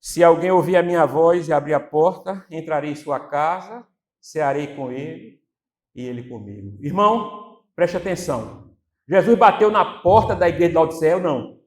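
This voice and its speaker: A man preaching a sermon as pastor, animated, acting out quotes and putting questions to the congregation. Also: on the high side, normal speed.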